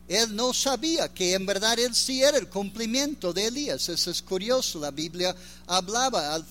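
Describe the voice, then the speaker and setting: A man preaching a sermon in an earnest, unhurried way, pausing often with fillers and rising in emphasis on key points. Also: high voice, bright, forceful tone, a little hiss or hum.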